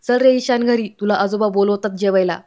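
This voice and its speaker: A woman's voice: mid-range voice, steady tone, fairly quick, mellow, lightly acted. A woman reading as a stern scolding uncle. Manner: scolding, firm.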